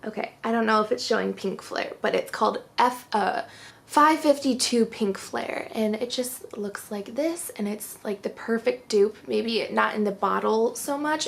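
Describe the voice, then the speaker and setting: Breathless woman with a gravelly fry. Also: medium pitch, normal speed. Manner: chatty, fillers like "um" and "like". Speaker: beauty vlogger. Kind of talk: casual product review.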